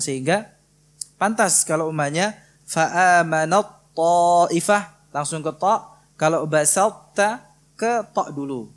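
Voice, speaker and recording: A man from Indonesia teaching Quran recitation in a prayer hall, patiently drilling and gently correcting students. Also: fairly high pitch. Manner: slow, patient, drills students by repeating syllables. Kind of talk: tajwid lesson with live correction.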